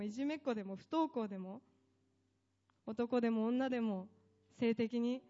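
A woman's voice: on the high side, warm tone, muffled recording. A woman preaching a sermon with impassioned delivery, building up long emphatic lists.

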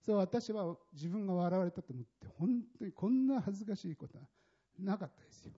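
Husky man telling an animated testimony. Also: high voice, a little fast. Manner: animated, emphatic storytelling. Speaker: church member giving testimony. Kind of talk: personal testimony in a sermon. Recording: dull lo-fi recording.

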